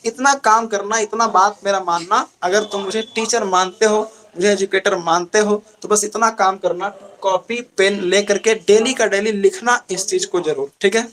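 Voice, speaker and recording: A young male teacher with a Bihari Hindi accent, teaching a live online class. He asks a question and answers it himself, and he repeats key terms slowly. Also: high-pitched, fairly even intonation, fairly bright tone. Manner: call-and-response questioning, drawn-out repetition.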